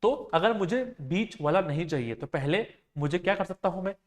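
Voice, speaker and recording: A man with a high-pitched voice gives an exam-prep maths lecture. He works through each problem step by step, mixing in terms, and keeps asking his students whether they follow. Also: lively intonation, fairly quick. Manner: explains step by step, often asks students if they understood. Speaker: maths and reasoning teacher.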